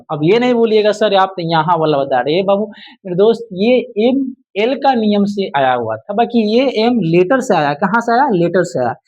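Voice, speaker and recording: A man's voice: high-pitched, highs cut off. A man teaching English spelling in a classroom style, asking a question and repeating the answer over and over. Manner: repeats questions and answers in call-and-response drills. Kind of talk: classroom lesson.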